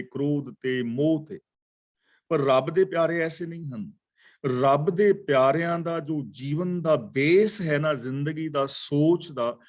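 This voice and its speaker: Punjabi-speaking Sikh preacher, slow chanted verses. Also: male voice, on the high side. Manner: chants verses slowly, then explains them in quick phrases; repeats key phrases for emphasis. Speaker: Sikh preacher giving scripture commentary. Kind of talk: katha scripture explanation.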